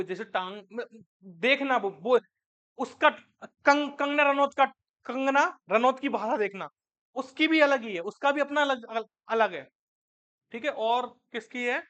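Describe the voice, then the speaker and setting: Male teacher, very high pitch, bright forceful tone, classroom lecture, quizzing students then answering himself. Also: a little slow, pauses often, muffled recording. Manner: asks students questions and answers them himself; mixes English terms into Hindi.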